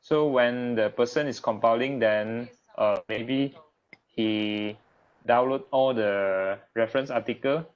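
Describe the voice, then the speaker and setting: A man's voice: medium pitch, slow pace, clean tone. A young man with a Malaysian accent leading a casual group discussion, tentative, tagging phrases with lah and ah. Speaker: student discussion leader. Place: online group call. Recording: dull lo-fi online call audio.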